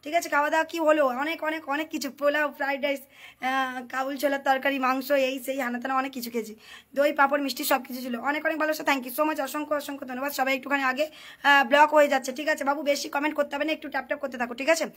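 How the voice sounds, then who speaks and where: Hosting a casual live stream, a woman reads out comments and repeatedly urges viewers to tap, share and mention their friends. She speaks fast in a high, fairly bright voice with little pitch movement.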